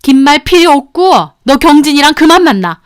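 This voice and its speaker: A woman's voice: high voice, moderate pace, pitched above the performer's own voice, lightly acted. A woman voicing a scornful middle-aged rich mother who shrieks and belittles. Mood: shrieking.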